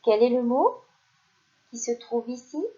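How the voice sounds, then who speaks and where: Slow, clear-spoken woman teacher. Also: on the high side, mellow, muffled recording. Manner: slow, carefully articulated, praising. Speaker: primary school teacher. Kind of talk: recorded reading lesson for young children.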